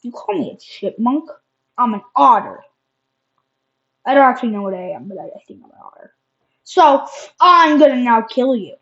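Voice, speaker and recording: A woman's voice: a little high, expressive, normal speed, pauses often, fairly bright tone. A woman voicing a cocky murderous otter creature in a theatrical, goofy-menacing manner, heard on a dull lo-fi recording.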